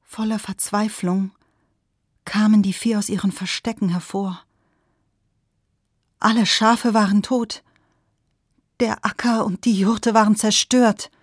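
A woman storyteller telling a folktale aloud, expressive and speaking to her listeners directly. Her voice sits in a middle range for a woman. The sound is dry and close, with no room around it. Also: mid-range voice, slow, pauses often, dry recording.

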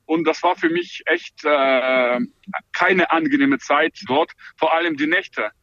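A man's voice: on the high side, slow pace, sharp tone, no echo, lo-fi sound. A man running a farm, speaking German in an interview with many hesitations and restarts. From Ukraine.

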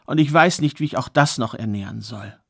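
Man doing a worn-out poor mother in a fairy tale, talks fast and bitter, sinks low. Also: creaky, breathy edge, no room sound, studio quality. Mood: despairing. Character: poor mother of six, weary and despairing.

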